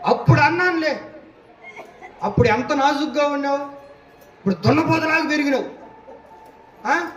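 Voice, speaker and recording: A man's voice: very high-pitched, lively intonation, moderate pace, pauses often, a bit bright, slight background noise. A man playing a scornful middle-aged husband who mocks and brushes off his wife, in an echoey room with a distant mic. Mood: mocking. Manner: taunting, dismissive.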